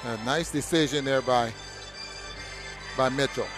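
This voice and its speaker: A man giving brief basketball analysis as a color commentator, in halting, conversational asides. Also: mid-range voice, fairly bright tone, soft background music.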